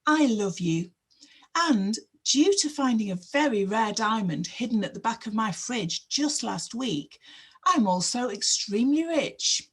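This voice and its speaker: A woman's voice: on the high side, lively intonation, unhurried, slightly rough. A woman playing an earnest, bumbling male suitor on a video call. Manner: earnest, fumbling.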